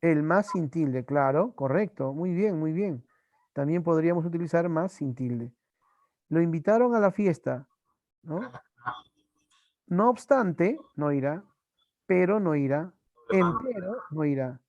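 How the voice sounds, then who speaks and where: A male teacher from Peru giving an online language class, slowly repeating examples and his students' answers. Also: a little high, lively intonation, darkish tone, no echo, highs cut off.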